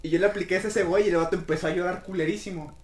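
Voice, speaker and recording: Fast-talking Mexican guy telling stories. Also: high-pitched, steady tone, reverberant. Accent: Mexican Spanish. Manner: rambling storyteller, slangy and profane. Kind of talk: casual chat.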